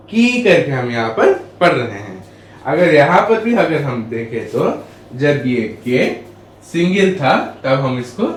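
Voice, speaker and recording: A man teaching a lesson who asks questions and answers them himself, repeating his phrases. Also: a little high. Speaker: English teacher. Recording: echoey room, far from mic, faint noise.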